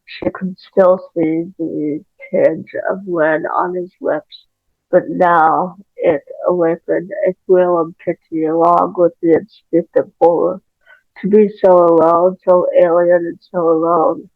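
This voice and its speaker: A woman's voice: fairly low pitch, level tone, takes it slowly, no echo. A woman reading an audiobook aloud as an amateur narrator, careful, with occasional stumbles over words. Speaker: audiobook reader. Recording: tinny phone-like home recording.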